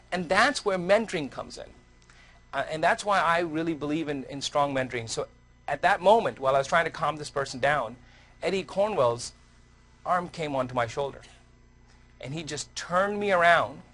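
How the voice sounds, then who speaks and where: A middle-aged man lectures on surgical research, his voice sitting a little higher than most men's. He talks loosely and conversationally, weaving personal anecdotes in and often restarting his sentences. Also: fairly bright tone. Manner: conversational, storytelling, frequent restarts. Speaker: surgeon and lecturer.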